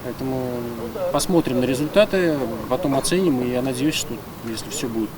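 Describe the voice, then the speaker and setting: A man's voice: medium pitch, fairly quick, a crowd in the background, rough recording. A man answering interview questions off the cuff as an official. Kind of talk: spontaneous on-camera interview answer. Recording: loud outdoor traffic noise.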